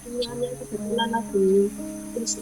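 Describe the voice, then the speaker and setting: A woman's voice: fairly high pitch, fairly even intonation, moderate pace, music in the background. A woman taking part in an online group therapy session, heard through a choppy, breaking-up call connection. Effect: breaking-up online call audio. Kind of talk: casual call talk. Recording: distant, choppy call line.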